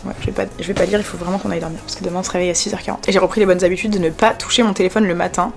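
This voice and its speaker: Fast-talking chatty young woman vlogger. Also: on the low side, steady tone, vocal fry, over music. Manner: chatty, rambling. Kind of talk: casual vlog chat.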